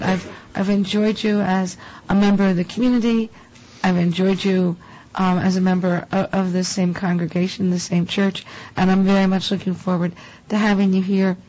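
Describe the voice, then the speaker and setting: Board member at a public meeting, mid-pitched and hoarse, teasing and good-humored, dull lo-fi sound. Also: female voice. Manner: warm-humored, teasing colleagues. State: hoarse, voice almost gone. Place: town board meeting room.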